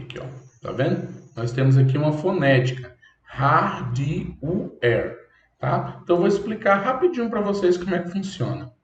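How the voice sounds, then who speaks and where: A man's voice: mid-range voice, a little mellow. A man teaching a computer course, explaining step by step and checking in with "ok?" often. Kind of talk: classroom lecture. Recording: echoey room, dull lo-fi sound.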